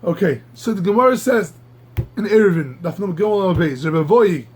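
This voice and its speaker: Husky man teaching an animated Talmud class. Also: sits high. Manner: halting, repeats words while reaching for the next; animated, marvels aloud at the text. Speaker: Torah teacher.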